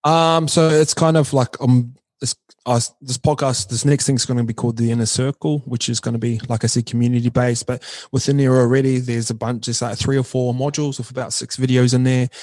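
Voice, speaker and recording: A man's voice: mid-range voice, darkish tone, no echo. A man from New Zealand with a broad Kiwi accent, chatting casually and slangily as a podcast guest. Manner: slangy, informal, frequent "bro" and "man". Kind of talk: casual interview chat.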